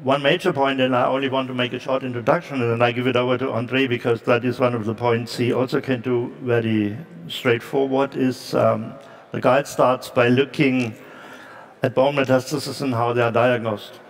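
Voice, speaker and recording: An older man moderates a conference panel. His voice is gravelly and stays quite flat in pitch. He talks haltingly, with many fillers, into a headset mic on stage. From Germany. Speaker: panel chair.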